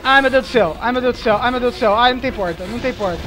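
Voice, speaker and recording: Scared Brazilian horror game streamer, high-pitched man. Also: very fast. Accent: Brazilian Portuguese. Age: young adult. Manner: scared, panicky, repeats phrases frantically, swears a lot. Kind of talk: live gameplay commentary. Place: indoor room at home. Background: horror game music and sounds.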